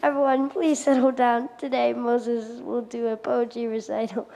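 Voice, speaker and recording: A woman's voice: on the high side, flat delivery, normal speed, creaky, warm tone. A woman reading scripted narration aloud in an amateur play, stumbling now and then over words. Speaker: reader in a congregational skit.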